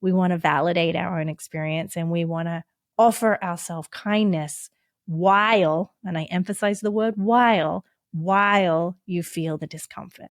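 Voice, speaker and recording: A woman therapist and author, a guest on a podcast, explaining self-help steps in a gentle, reassuring and instructive way. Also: on the low side, fairly even intonation, a little slow, no echo, clean studio sound.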